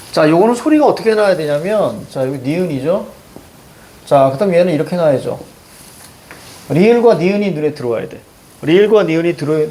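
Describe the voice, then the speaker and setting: A man's voice: fairly high pitch, mellow. A man teaching a classroom grammar lesson, walking through pronunciation rules step by step.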